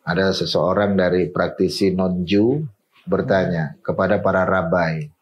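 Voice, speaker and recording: A man's voice: deep voice, fairly even intonation, measured pace, echoey room, lo-fi sound. A man speaking as a guest in an interview, explaining at length and mixing in Hebrew and English terms.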